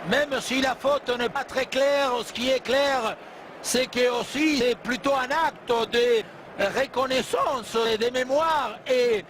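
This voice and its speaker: A man giving animated football co-commentary, emphatically analysing play and rephrasing his points with halting hesitations. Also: extremely high pitch. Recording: clear background noise.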